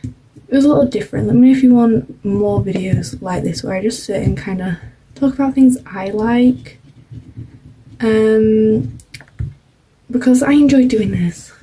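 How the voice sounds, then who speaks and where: A woman's voice: a little high, a little slow, pauses often, dark tone, rough recording. Rambling young woman crafting vlogger. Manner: rambling, self-interrupting, uses "like" and "um" a lot. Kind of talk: casual chatty crafting vlog.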